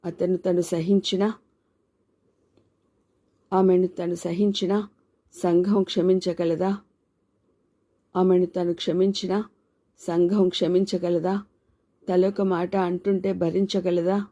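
Woman narrator, audiobook novel reading, low pitch, dark mellow tone, measured pace. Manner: measured, even, reflective reading.

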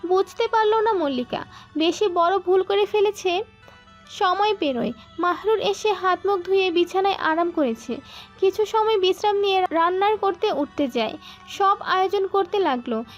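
Over soft background music, a woman narrates a scripted romance story in a very high, girlish voice with lively intonation at a moderate pace. The audio is slightly dull and lo-fi.

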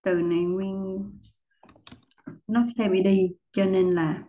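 A woman teaching English pronunciation, explaining patiently step by step and repeating model words, often clearing her throat. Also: medium pitch, fairly even intonation, takes it slowly, mellow, lo-fi sound. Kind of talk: pronunciation lesson.

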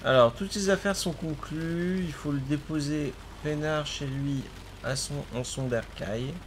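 A man's voice: fairly high pitch, unhurried, a little hiss or hum. A man streaming a video game with his cousin, chatting casually, exclaiming at the action and laughing often. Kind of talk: casual gaming commentary.

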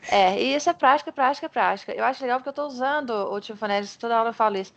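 A Brazilian woman teaches English pronunciation over a video call, in a fairly high voice. She repeats words slowly, stresses syllables, and gives plenty of encouragement. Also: muffled recording. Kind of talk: online pronunciation lesson in Portuguese.

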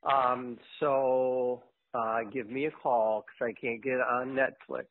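A man's voice: mid-range voice, little pitch movement, slow. A father leaving a casual, hesitant voicemail message on an answering machine, with ums and uhs. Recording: tinny phone line with faint hiss.

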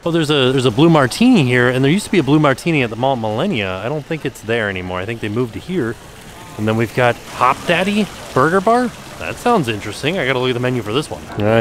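A man with a medium-pitched voice vlogs casually as he walks through an outdoor shopping plaza and into a restaurant. He chats enthusiastically about menus and food, often saying "ooh," with a little hiss or hum in the audio.

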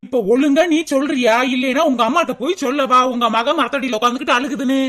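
A woman voicing a high-voiced teasing village girl. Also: steady tone. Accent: southern Tamil Nadu rural dialect. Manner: brisk, teasing, coaxing. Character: bold, knowing young village woman.

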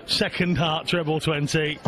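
A man giving live darts commentary in measured, short play-by-play phrases. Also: fairly high pitch, little pitch movement. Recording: clear background venue noise. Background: darts venue ambience.

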